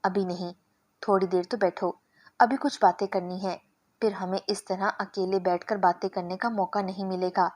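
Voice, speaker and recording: A woman's voice: mid-range voice, little pitch movement, a little mellow, natural voice. Woman reading a pushy young suitor. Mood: coaxing. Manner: persuasive, insistent.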